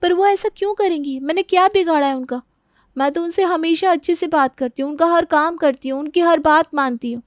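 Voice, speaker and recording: An earnest young daughter-in-law from a cartoon story, as a woman plays her, with a fairly high voice. She protests in pleading, indignant questions. The recording is close and dry. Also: a little mellow, no room sound, close to an everyday voice. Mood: worried.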